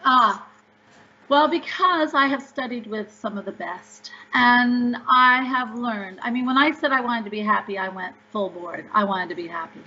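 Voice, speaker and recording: A woman's voice: a little high, normal speed, bright, forceful tone. A woman author answering interview questions, upbeat and emphatic as she tells stories. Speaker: author guest. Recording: dull lo-fi audio.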